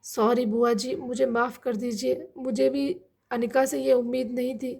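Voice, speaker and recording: A woman voicing a hurt, sulking young married man in a doll-play drama, speaking low and clipped. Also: little pitch movement, a little slow, vocal fry, a little mellow. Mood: apologetic.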